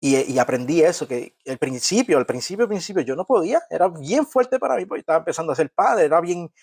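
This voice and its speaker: A man's voice: on the high side, lively intonation, fast talker, gravelly, darkish tone, slightly rough, no room sound. A middle-aged man giving a conversational church talk on family life, earnest, often restarting words and checking in with his listeners. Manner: earnest, repeats and restarts words, asks "¿ves?".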